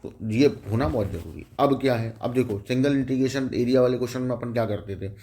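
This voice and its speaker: A man's voice: medium pitch, fast talker, warm tone, slight background noise. A man teaching a math lecture, explaining step by step and often checking in with the students.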